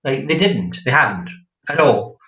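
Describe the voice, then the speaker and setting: A man's voice: medium pitch, animated, a little slow, bright, forceful tone. A man hosting a casual livestream chat as a drag queen, giggly and chatty, reading out viewer comments. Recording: echoey room.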